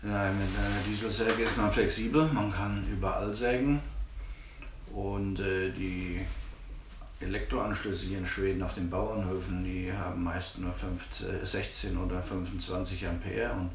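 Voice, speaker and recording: A man in his fifties from Germany with a German accent, calmly explaining his sawmill work in a casual interview. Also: low-pitched, a little slow, a little hiss or hum. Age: 50s. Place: living room by a tiled stove. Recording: roomy and distant.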